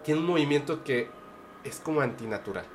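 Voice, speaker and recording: Speaking a little fast in an expressive, medium-pitched voice, a man with a Mexican Spanish accent shares a personal story as a podcast guest. The telling is casual, earnest, and hesitant, packed with fillers and restarts, and there's a little hiss or hum on the audio.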